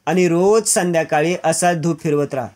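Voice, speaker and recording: A man doing a gentle, kindly father. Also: a little high, moderate pace, close to an everyday voice. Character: kindly middle-aged father, blessing his daughter.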